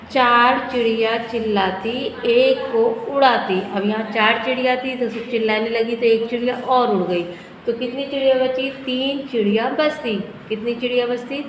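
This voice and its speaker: A woman, teaching a first-grade maths lesson, counting aloud slowly and asking and answering her own questions. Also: fairly high pitch. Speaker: primary school teacher. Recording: echoey hall with faint noise.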